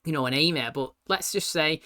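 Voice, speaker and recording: Guy doing chatty reaction commentary, bright forceful voice, really dry close sound. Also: on the high side, fairly quick, no room sound. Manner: chatty, colloquial, checks in with "you know what I mean". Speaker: reaction video host. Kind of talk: casual episode commentary.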